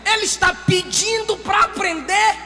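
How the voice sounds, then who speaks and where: A Brazilian woman preaching a sermon, shouting her points emphatically and acting out the people she quotes. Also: very high-pitched, fairly even intonation, a little slow. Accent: Brazilian Portuguese. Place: church hall. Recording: church hall reverb, faint music.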